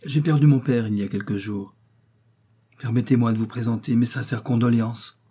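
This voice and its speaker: A man voicing an excitable, warm-hearted Parisian working man who talks eagerly and apologizes a lot, in an audiobook. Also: mid-range voice, a little fast, husky, close to an everyday voice. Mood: respectful. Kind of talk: audiobook character voice.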